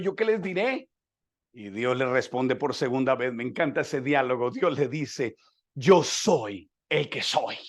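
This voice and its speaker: A man preaching a sermon as pastor, acting out the dialogue with dramatic swings from soft to loud. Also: medium pitch.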